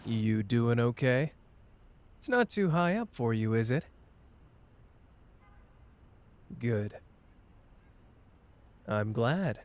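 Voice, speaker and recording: In an intimate ASMR romance roleplay, a man plays a cocky yet tender young sorcerer, casual, playful and teasing. His mid-range voice carries a gentle, reassuring mood.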